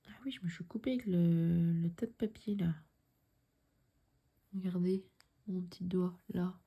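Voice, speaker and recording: A young woman showing her cross-stitch patterns in a casual vlog, chatty and repeating herself, often dropping to a soft near-whisper. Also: lowish voice, steady tone, unhurried, breathy edge, lo-fi sound. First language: French. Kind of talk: casual show-and-tell vlog.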